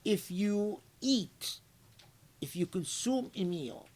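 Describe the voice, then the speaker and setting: A man giving an unscripted religious lecture, reflective and halting, often restarting his sentences and reciting short Arabic phrases before explaining them in English. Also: high-pitched, expressive, darkish tone. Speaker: scholar giving Quran commentary.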